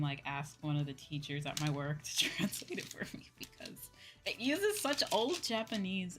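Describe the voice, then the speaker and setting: A young woman VTuber, her voice sitting low yet fairly bright in tone, chats casually with viewers on stream. The talk is hesitant and meandering, with phrases said again and again.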